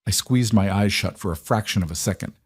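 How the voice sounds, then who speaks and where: A man narrating a first-person romance story in a steady, even reading. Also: lowish voice, a little fast, slightly rough, no echo.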